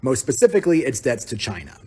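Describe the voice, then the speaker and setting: Fast, animated man telling a story. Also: mid-range voice, slightly rough. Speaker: TikTok storyteller. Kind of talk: casual personal storytelling to camera.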